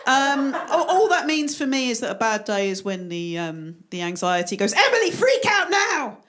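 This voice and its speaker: A woman's voice: medium pitch, normal speed. Dry self-deprecating woman comic. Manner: dry, self-deprecating delivery with put-on voices for quotes. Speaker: stand-up comedian. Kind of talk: stand-up comedy set. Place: comedy club stage.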